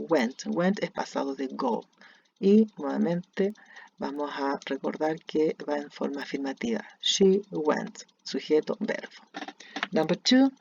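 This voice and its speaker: An English teacher with a Chilean Spanish accent explains grammar slowly and deliberately, repeating each example sentence. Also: mid-range voice, vocal fry, a little mellow, breathy edge, lo-fi sound. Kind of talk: recorded lesson explaining grammar.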